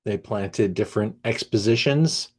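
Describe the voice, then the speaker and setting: A man hosting an online wine tasting, reading tasting notes aloud and breaking off to react with enthusiasm, often pausing with fillers and restarts. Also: lowish voice, darkish tone, husky. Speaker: wine merchant presenting a tasting.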